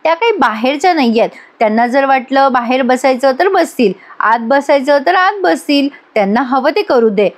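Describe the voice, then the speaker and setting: A woman's voice: high-pitched, expressive, moderate pace, few pauses. A woman voicing a strict, proud male college professor who scolds and lectures. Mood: stern.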